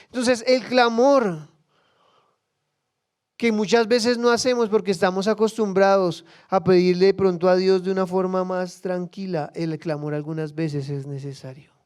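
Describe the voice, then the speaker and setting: A male pastor preaching a sermon with passion, dropping to hushed asides and then rising to loud, acted-out cries. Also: high voice, steady tone, moderate pace, smooth. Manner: acts out biblical figures and prayers in quoted voices.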